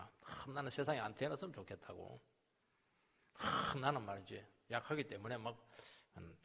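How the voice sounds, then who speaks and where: A male pastor preaching a sermon, dropping to quiet asides and then rising to loud, emphatic passages, and acting out the complaints and rebukes he quotes. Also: mid-range voice, gravelly, breathy edge. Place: church sanctuary. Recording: long reverb of a church hall.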